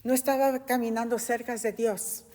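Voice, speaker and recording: A woman's voice: on the high side, steady tone, normal speed, darkish tone. A woman in her fifties preaching a sermon and giving an earnest, impassioned personal testimony. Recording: long hall reverb.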